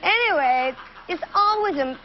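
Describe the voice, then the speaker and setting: High-voiced woman game show contestant. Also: lively intonation, unhurried. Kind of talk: playful unscripted game show answers. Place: television studio. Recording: dull, noisy old TV audio.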